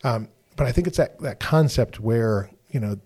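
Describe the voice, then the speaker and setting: A husky-voiced man in casual faith-based podcast talk. He delivers points with preacher-like emphasis and sudden upward lifts. His pitch sits in the ordinary middle range, and he often repeats himself as he checks the listener is following. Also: normal speed. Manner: animated, repeats "right?" often, restarts words.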